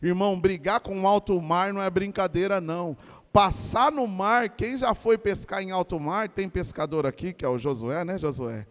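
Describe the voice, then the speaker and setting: Man, Brazilian accent, pastor, lively call-and-response sermon, high voice, church reverb. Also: moderate pace. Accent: Brazilian Portuguese. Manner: animated preaching with call-and-response to congregation.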